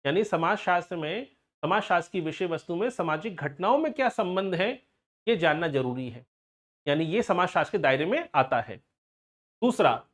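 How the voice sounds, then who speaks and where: A sociology teacher giving an online exam-coaching lecture, explaining with everyday examples, asking frequent rhetorical questions and addressing students directly with warnings. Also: mid-range voice.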